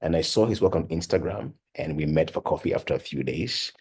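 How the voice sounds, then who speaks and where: A young Cameroonian man, founder of a device company and a PhD researcher, tells his story for an online course in an earnest, conversational way, peppering it with "you know" and "uh." His bass voice is animated and brisk, a little mellow, with a breathy edge.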